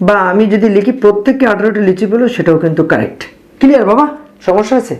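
Soft-spoken teacher counting out sums. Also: male voice, high-pitched, lively intonation, quick pace. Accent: Bangladeshi Bengali. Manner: patient, repeats steps aloud, quizzes students and answers himself; speaking softly on purpose late at night. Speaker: math teacher. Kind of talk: math lesson for young children.

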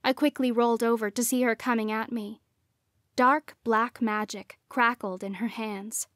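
A woman narrating a first-person audiobook in a measured, even storytelling manner. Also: fairly high pitch, no echo, clean studio sound.

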